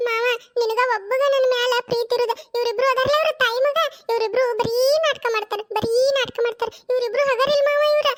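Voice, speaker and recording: Performer as a sharp-tongued young daughter-in-law. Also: extremely high pitch, steady tone, fairly quick, few pauses. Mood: pleading. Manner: accusing, quarrelsome.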